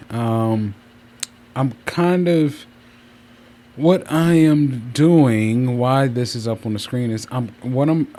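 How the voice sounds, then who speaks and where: A man chatting casually on a livestream from a room at home, rambling and often circling back to repeat himself. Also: on the low side. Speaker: streamer hosting a channel. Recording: clear steady fan noise. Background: fan running.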